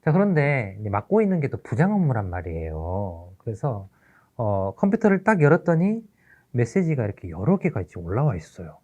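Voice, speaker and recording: A middle-aged man, a teacher trainer, telling a classroom story in an animated lecture. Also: medium pitch, fairly quick, highs cut off. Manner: animated storytelling, acts out characters.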